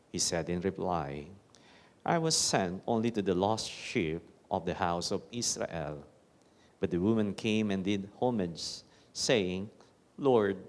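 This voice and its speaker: Filipino priest in his forties, deep and slow, solemn in the reading and wry in the homily, caught in a big church's cathedral echo. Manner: measured, solemn proclamation that turns to joking self-mockery in the homily. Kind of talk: proclaiming a gospel reading and preaching a homily. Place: large church. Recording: long echoey church reverb.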